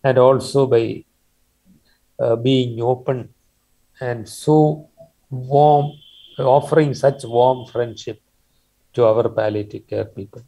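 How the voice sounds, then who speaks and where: A man's voice: mid-range voice, steady tone, slow pace, gravelly, pauses often, dark tone, rough recording. An older man with a Malayalam accent giving an earnest, formal keynote speech over a video call. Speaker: keynote speaker. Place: indoor room on video call. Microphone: video call microphone.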